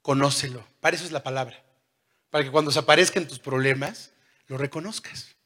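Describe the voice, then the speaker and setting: A man in his thirties preaching a sermon, who swings between loud calls and hushed lines and puts questions to the congregation. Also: medium pitch, a little fast. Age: 30s.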